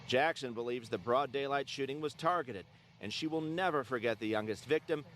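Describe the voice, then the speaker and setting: A man's voice: mid-range voice, a little fast, fairly bright tone, slight background noise. Male field reporter live outdoors. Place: outdoors in a residential neighborhood.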